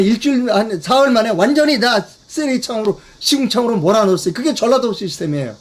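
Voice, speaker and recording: An older man delivers a political commentary monologue in a fairly high voice. He presses his points with heavy repetition and keeps throwing rhetorical questions at the audience. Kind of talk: political news briefing monologue.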